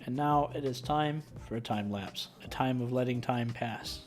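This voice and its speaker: In casual let's play commentary, a young adult gaming video host chats through his playthrough and makes fun of himself, speaking in a mid-range voice at normal speed.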